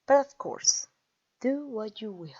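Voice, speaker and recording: Commanding and pompous, a woman voicing a conquering vampire queen teases her captive in theatrical ASMR roleplay, lingering over every phrase. Her fairly high voice has lively intonation and a breathy edge, and she sounds haughty and mocking on a slightly dull, lo-fi recording.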